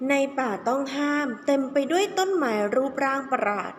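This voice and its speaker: Speaking a little fast in a high, animated voice, she tells a children's story the way a kindergarten teacher would, elongating key words for the youngsters. The recording comes from an echoey room with faint noise.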